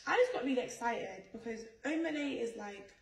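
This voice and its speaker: A woman's voice: a little high, big pitch swings, brisk. A young woman giving a casual storytime apology to camera, defensive, exasperated and emphatic. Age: young adult. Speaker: person telling her side of a viral story. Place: small bright indoor room. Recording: roomy echo, distant mic, faint noise.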